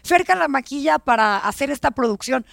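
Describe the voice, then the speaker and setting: A woman's voice: high voice, expressive, fairly quick, gravelly, a bit bright, no echo, studio quality. A woman, a podcast guest giving her frank opinion in casual talk. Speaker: reality show contestant guest. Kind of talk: casual chat.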